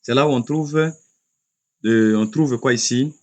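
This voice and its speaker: A man's voice: mid-range voice, a little mellow, lo-fi sound. Man teaching a keyboard lesson step by step. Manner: explains slowly step by step, with repetitions and fillers. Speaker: computer teacher. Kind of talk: spoken computer lesson.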